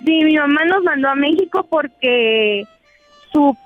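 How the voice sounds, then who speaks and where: A woman calling into a radio show from a bus, speaking earnestly and softly. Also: high voice, lively intonation, measured pace, dry recording. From Mexico. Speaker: caller. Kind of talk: phone-in conversation. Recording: tinny phone line with music.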